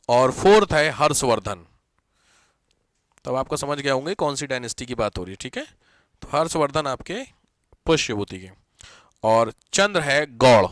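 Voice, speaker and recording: A man's voice: a little high, a bit bright, dry recording. Man dictating notes, spelling each word. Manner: dictates slowly, spells words letter by letter, repeats each term. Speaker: teacher. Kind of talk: exam-prep history lesson.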